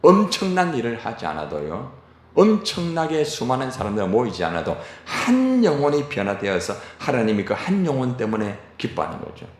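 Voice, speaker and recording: A man preaching a sermon as pastor, swinging between soft asides and raised exclamations. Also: mid-range voice, very animated, normal speed. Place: church sanctuary. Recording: echoey church hall.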